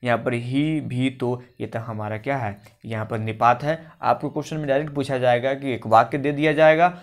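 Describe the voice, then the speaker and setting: A man's voice: mid-range voice, steady tone, moderate pace. A male teacher giving a grammar lesson for exam preparation. He explains step by step, often asks a question and then answers it himself. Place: coaching class recording.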